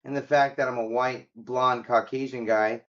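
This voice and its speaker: A man's voice: medium pitch, steady tone, moderate pace, fairly bright tone, highs cut off. A man born in Egypt who grew up in America, a guest in a business interview, telling his life story in a candid, chatty way with fillers. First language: Arabic. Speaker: guest, mortgage company CEO. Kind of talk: casual interview talk.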